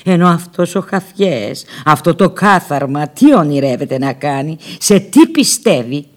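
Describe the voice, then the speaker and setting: Woman reading a novel with dramatic flair. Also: deep voice. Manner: expressive, dramatic storytelling with lively shifts in loudness. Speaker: audiobook narrator. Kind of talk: first-person novel reading.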